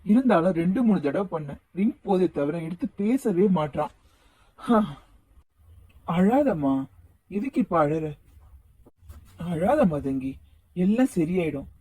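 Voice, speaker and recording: A reassuring middle-aged father in a cartoon, voiced by an actor. He speaks in a steady, soothing way with a mellow, slightly husky voice. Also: mid-range voice, a little slow, long pauses, no room sound, low-quality recording. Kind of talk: cartoon voice acting.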